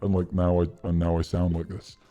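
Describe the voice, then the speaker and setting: A rumbling, very low male voice with a dark, mellow tone, run through a voice changer, as a British streamer puts it on. It plays it dead straight and insists this is how it always talks. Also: level tone, a little fast, soft background music. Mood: deadpan. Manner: mock-serious, pretending it is his natural voice. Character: very deep-voiced young man impression. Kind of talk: casual livestream banter.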